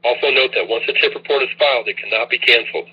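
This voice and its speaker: A man's voice on a recorded automated phone menu, reading formal, scripted prompts in an even, instructional way. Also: medium pitch, very fast. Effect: recorded automated phone menu message. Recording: tinny phone line, husky.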